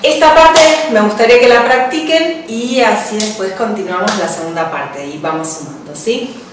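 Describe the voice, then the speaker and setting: A woman's voice: mid-range voice, moderate pace, distant mic, very noisy. A woman counting dance steps in an echoey room. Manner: counts beats aloud while dancing, brief cues. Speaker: belly dance teacher. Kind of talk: counting and cueing a dance class. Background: dance music.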